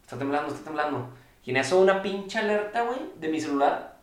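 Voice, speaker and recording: A young man with a Mexican accent, telling a story as a guest in casual podcast chat, animated and full of slang. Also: a little high, fast, reverberant. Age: young adult.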